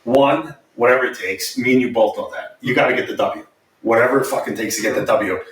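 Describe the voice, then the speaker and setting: A man's voice: medium pitch, brisk, a bit bright, recorded from a distance. A man speaking as a podcast host and former player, with blunt, assertive, casual commentary. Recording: echoey room, off mic, faint noise.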